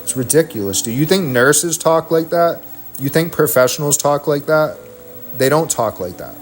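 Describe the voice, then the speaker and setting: A man's voice: fairly high pitch, lively intonation, moderate pace, soft background music. Profane, ranting male streamer. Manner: heated, profane, rambling rant.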